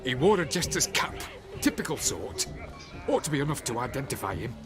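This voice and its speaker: Folksy, resigned village husband. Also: male voice, medium pitch, very animated, a little fast. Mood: practical. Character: placating village husband, gloomy and practical. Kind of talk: video game voice acting. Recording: game music under outdoor voice.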